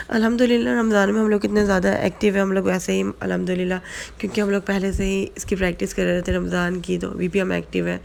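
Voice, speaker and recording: A woman giving casual religious advice in a vlog, hoarse from a flu and sore throat, chatty and full of repeated fillers. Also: mid-range voice, darkish tone. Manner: chatty, repeats fillers, mixes in English words. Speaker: vlogger.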